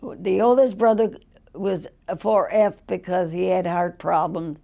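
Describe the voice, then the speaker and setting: A very old woman, over a hundred, telling stories from her life in a rambling, colloquial way with a gravelly old voice. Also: on the low side, fairly even intonation, unhurried, warm tone. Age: over 100, very old. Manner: rambling storyteller, acting out quoted dialogue in plain colloquial words. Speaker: interviewee. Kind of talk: casual autobiographical storytelling.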